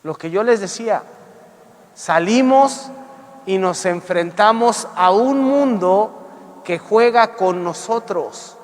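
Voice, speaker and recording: A priest giving an emphatic Bible-teaching sermon, putting rhetorical questions to his congregation and slowing down to stress key words. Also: high voice, in a large hall. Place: church sanctuary.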